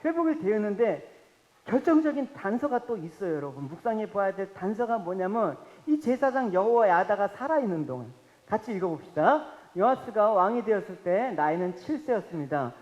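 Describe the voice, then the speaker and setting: A man preaching a Sunday sermon as pastor, animated and often calling out to his congregation. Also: high voice, brisk. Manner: animated, addresses congregation directly. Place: church sanctuary. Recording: reverberant hall, dull lo-fi sound.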